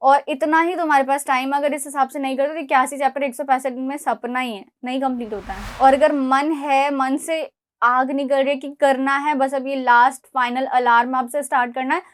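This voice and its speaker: A woman's voice: high voice, steady tone, fairly quick. A young woman from India giving direct, scolding yet encouraging study advice to exam students. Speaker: exam prep mentor.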